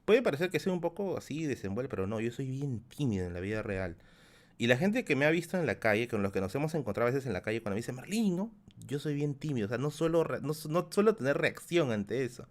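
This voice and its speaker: Speaking quickly at a medium pitch with big swings in intonation, a Peruvian-accented streamer in his thirties spins a rambling tale for his live chat. He repeats phrases and laughs often.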